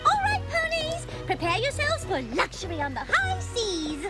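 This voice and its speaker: Refined drama-queen cartoon pony: very high, swooping, affected, loud music behind. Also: wildly swooping pitch, moderate pace, full character voice. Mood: gracious, eager. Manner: posh, theatrical, affected diction. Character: refined, melodramatic, fussy lady pony. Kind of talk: animated cartoon dialogue.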